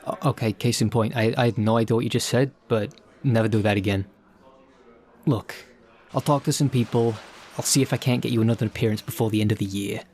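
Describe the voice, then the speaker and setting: A man's voice: fairly low pitch, steady tone, fast, a little mellow, natural voice. A man voicing a blunt, exasperated colleague who teases a fellow actor, in an audio role-play. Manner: blunt and teasing.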